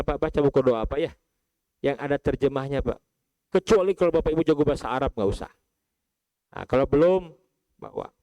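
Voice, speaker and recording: Animated preacher with a Sundanese accent. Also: male voice, clean tone, no room sound. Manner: addresses listeners as Pak and Bu, asks rhetorical questions; shifts between calm low recitation and high animated outbursts. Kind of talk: sermon to pilgrims.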